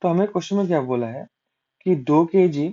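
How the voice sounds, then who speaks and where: A maths tutor with a fairly high, dark-toned voice teaches an exam-prep lesson in an animated, fairly quick way. He works each sum aloud step by step, answers his own questions, and slips English maths terms into Hindi. The recording sounds dull and lo-fi.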